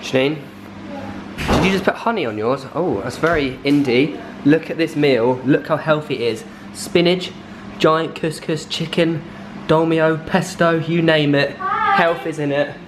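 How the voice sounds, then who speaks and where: A man's voice: fairly high pitch, sing-song, measured pace, noisy background. Casual young British male vlogger. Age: young adult. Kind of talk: casual vlog chat. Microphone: handheld camera at arm's length.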